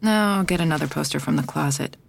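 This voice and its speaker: A woman's voice: deep voice, fast, gravelly, no room sound, full character voice. A woman playing an anxious wife hoping to adopt, who keeps apologizing and talks herself through things in an audio drama. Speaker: wife preparing for an adoption home visit.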